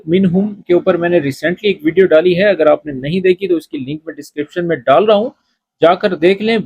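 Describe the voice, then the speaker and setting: Male teacher, slightly high voice, patient and repetitive, casual video lesson. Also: a little mellow. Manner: explains patiently, often asks "ٹھیک ہے؟"; repeats example phrases slowly. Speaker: Arabic teacher.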